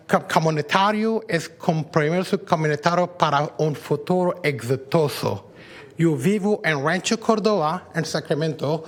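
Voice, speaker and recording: A man from Afghanistan, giving earnest, upbeat remarks to a commission at a podium microphone in a public meeting chamber. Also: fairly high pitch. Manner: earnest and upbeat, with self-corrections and translated asides. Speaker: parent program graduate addressing a commission. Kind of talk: public remarks in mixed Spanish and English.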